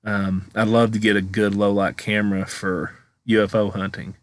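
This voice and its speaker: A man with a fairly low voice talks casually over his own vlog footage. He rambles and halts, thinking aloud as he goes. The recording is dry, with very little room sound. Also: flat delivery, normal speed, dry recording. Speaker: paranormal investigation vlogger.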